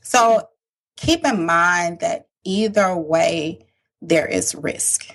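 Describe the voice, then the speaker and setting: A woman co-hosting a relaxed podcast chat. Her voice sits a little low, and she speaks in a measured, deliberate way. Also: gravelly. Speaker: podcast co-host. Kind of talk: casual chat.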